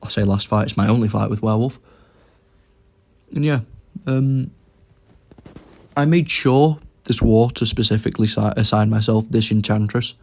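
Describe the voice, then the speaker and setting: Low-voiced man narrating his gameplay. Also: normal speed, creaky, long pauses, darkish tone. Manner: thinks aloud about his moves. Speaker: game commentator. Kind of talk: casual gameplay commentary.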